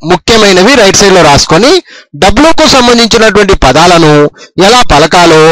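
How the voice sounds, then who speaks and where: Man, English phonics teacher, slow repetitive dictation, lively high voice, dry close sound. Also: no echo, rough recording. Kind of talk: phonics lesson explained in Telugu.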